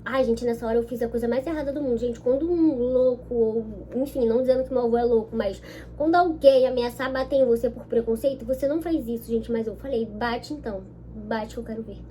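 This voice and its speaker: A woman's voice: on the high side, fairly even intonation, quick pace, warm tone, slight background noise. A young woman with a Brazilian Portuguese accent, telling a personal story to her viewers in a chatty vlog, often checking in with them. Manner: chatty, keeps checking in with listeners. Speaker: vlogger.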